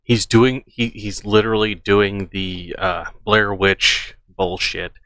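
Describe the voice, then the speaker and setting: A man gives slow, unhurried reaction commentary, sounding skeptical and scoffing, and he often repeats himself. His voice is recorded close and dry, with no room sound. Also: lowish voice, level tone, sharp tone, no echo. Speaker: reaction channel host.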